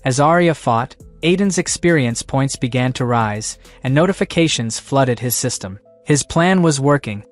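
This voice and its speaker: A man narrating a comic story recap in a steady, even storytelling voice. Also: medium pitch. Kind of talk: scripted narration.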